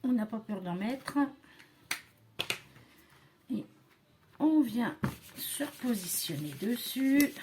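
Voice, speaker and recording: Crafting host, woman, slow and chatty, hesitant asides, a touch higher than average. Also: lively intonation, background noise. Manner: chatty, hesitant, with many fillers and self-talk. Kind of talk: casual crafting demonstration.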